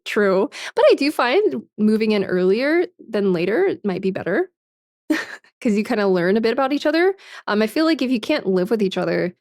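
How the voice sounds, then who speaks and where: Very animated at a moderate pace, a woman in her twenties chats with her stream viewers, answering comments frankly, cursing often and laughing a lot. The medium-pitched voice has a darkish tone, with clean studio sound and no echo.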